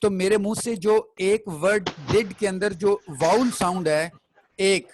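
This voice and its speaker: A man's voice: high voice, steady tone, measured pace, a little hiss or hum, low-quality recording. A man teaching a classroom poetry lesson. He explains step by step and keeps checking that the students follow.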